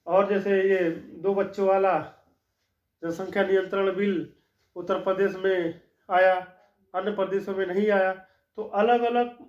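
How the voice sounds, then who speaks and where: Teaching law like a classroom lesson, this man walks through each step, restates his main points, and keeps asking "ठीक" to check on listeners. His voice sits high with a somewhat dark tone, captured in an echoey room with dull, lo-fi quality.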